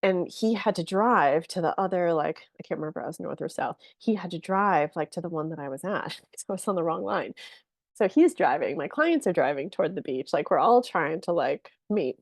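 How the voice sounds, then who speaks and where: A woman guest on a podcast, telling a long personal story in a casual, animated way with lots of fillers and laughter. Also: fairly low pitch, a little fast, dry recording, studio quality. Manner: animated, chatty, many fillers, laughs often.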